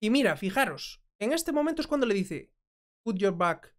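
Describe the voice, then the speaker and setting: A woman's voice: medium pitch, sing-song, normal speed. A woman hosting a commentary video, translating and reacting to clips in a chatty way, often asking "mm?". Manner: conversational, frequent checking "¿mm?". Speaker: commentary host.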